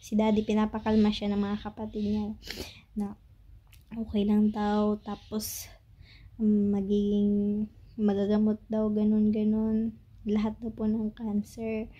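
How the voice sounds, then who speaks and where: Filipina vlogger, young woman, flat and very mellow delivery, halting speech, slightly dull audio. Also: medium pitch. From Philippines. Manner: halting, searching for words, tearful at times. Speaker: family vlogger. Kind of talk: emotional story-time monologue. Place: home in Pakistan.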